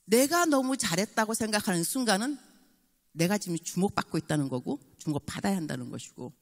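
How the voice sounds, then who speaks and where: A woman in her sixties preaching a revival sermon as a guest pastor, lively and acting out little dialogues. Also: mid-range voice, a little fast, big-room sound. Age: 60s. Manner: animated, mixes in English phrases and acts out dialogue. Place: church sanctuary.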